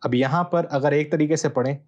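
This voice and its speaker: A man, a Bible scholar guest, explaining texts in a measured, teacherly way with hesitant pauses. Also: on the high side, darkish tone, lo-fi sound. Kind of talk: explanatory interview answer.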